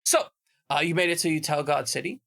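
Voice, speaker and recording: A man's voice: a little high, animated, fairly quick, vocal fry, fairly bright tone. A man narrating as game master of a tabletop game, chatty and full of asides. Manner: explains at length, chatty with many asides.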